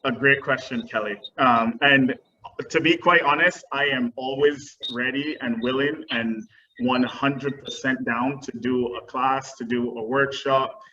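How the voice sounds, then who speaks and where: This young man from Barbados, guesting as a dance teacher, answers webinar questions earnestly and with frequent ums. He speaks a little slowly at medium pitch, steady, with a bright, forceful tone. The video-call audio is dull and distant, with faint noise.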